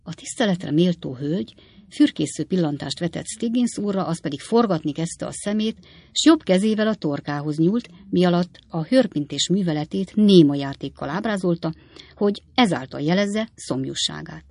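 A woman narrating a classic novel in measured storytelling. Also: on the low side, expressive, creaky, warm tone, husky, no echo. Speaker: audiobook narrator. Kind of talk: scripted narration.

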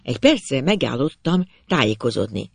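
A man narrating a literary story in the first person, with measured, expressive storytelling. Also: mid-range voice, creaky, husky, no echo.

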